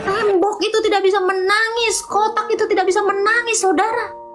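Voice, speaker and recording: A woman's voice: very high-pitched, flat delivery, a little fast, crowd noise, noisy background. A woman hosting a casual livestream debate, teasing and mocking viewers with sing-song rhetorical questions. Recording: music playing behind the voice.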